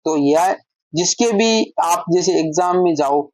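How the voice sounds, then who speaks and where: A woman's voice: on the low side, unhurried, a little mellow, dry recording. A woman teaching a grammar lesson, explaining step by step and answering her own questions.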